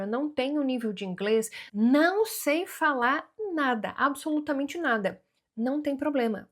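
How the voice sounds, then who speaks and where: A woman, giving a casual tutorial walkthrough and acting out viewers' questions in a chatty way. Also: sits high. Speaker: language-learning vlogger.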